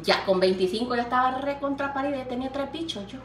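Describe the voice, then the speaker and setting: An older woman talks warmly to her viewers, calling them sweetheart and laughing often. Her voice sits a little high, and it carries through an echoey kitchen from a step back from the mic. Faint household noise hums behind her. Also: quick pace. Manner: chatty and affectionate, calls viewers "niña" and "hija linda"; laughs often, upbeat encouraging talk. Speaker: vlogger. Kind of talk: casual chat to camera while cooking. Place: home kitchen. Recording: echoey room, mic at some distance.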